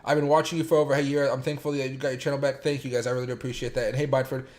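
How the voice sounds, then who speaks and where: A man runs a laid-back crypto livestream, his voice slightly sore and raspy after days of streaming. He rambles with plenty of fillers and calls out chat viewers by name. His pitch is medium and his tone darkish, with a flat delivery at a racing pace.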